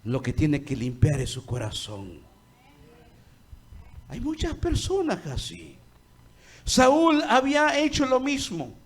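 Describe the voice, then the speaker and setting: A man preaching an impassioned sermon in a church, swinging from loud to hushed. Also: high-pitched.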